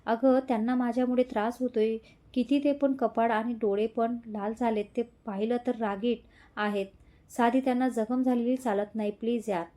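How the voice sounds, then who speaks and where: A woman's voice: fairly high pitch, fairly even intonation, normal speed, mellow, lightly acted. A woman voicing a distraught young woman in an audio story, pleading through tears. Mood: tearful pleading. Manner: tearful, pleading.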